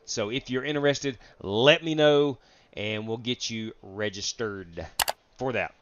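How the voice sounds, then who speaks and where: A man's voice: mid-range voice, measured pace, noisy background. Sick, chatty male sim racing streamer. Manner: chatty, greets viewers from chat, rambling with fillers. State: sick, feeling weak and drained. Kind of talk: casual live stream chat. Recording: dull, lo-fi dry stream audio.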